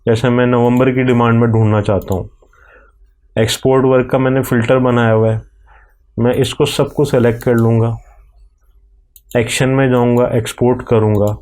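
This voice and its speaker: A man with a Pakistani accent slowly walking through a software screen recording, step by step. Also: mid-range voice, level tone. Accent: Urdu-Hindi speaking, Pakistani. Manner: slow, step-by-step explaining while clicking. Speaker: software tutorial presenter.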